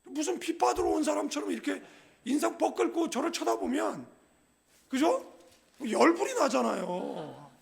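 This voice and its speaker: A middle-aged male pastor giving a humorous, conversational sermon, often asking the congregation "예?" and acting out other people's words in a lower voice. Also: very animated, moderate pace, creaky. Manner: humorous, conversational preaching with frequent call-and-response "예?"; acts out quoted people in a lower, softer voice. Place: church sanctuary.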